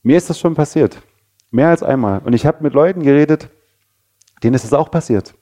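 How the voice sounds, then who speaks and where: A man preaching a sermon, talking conversationally with rhetorical questions and moving between raised passages and quiet, low ones. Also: brisk. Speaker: pastor.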